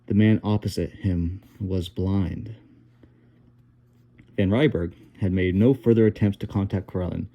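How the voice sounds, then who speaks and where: A man reading a novel aloud as an audiobook narrator, steady and unhurried with occasional slips. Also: sits low, creaky, lo-fi sound.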